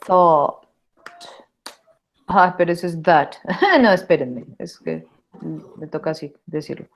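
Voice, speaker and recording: A woman teaching an online English lesson, repeating words slowly to model pronunciation. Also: on the low side, big pitch swings, muffled recording.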